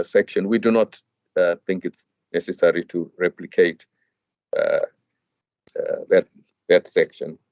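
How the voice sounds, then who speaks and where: Low-voiced advocate, formal. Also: male voice, a little mellow, no room sound. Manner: measured, formal, with hesitant fillers and restarts. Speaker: advocate arguing in court. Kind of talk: legal argument. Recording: dull lo-fi dry hearing audio.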